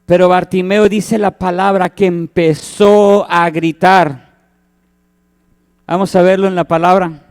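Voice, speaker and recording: A man's voice: sits high, little pitch movement, unhurried, smooth. A man, preaching a sermon as pastor, who acts out the cries and quoted voices in his story.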